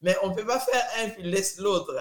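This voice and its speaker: A middle-aged woman from Congo with a Congolese French accent answering interview questions in a deliberate, emphatic way, often restarting and repeating words. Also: mid-range voice. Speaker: interviewee, immigrant community advocate. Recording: roomy echo.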